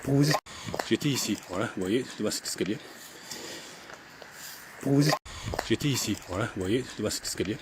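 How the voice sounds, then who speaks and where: A middle-aged man filming his own paranormal investigation inside an old house on a handheld camera, talking in a halting way with many restarts. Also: lowish voice, very noisy. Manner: hesitant, repeats himself often. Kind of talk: casual vlog narration.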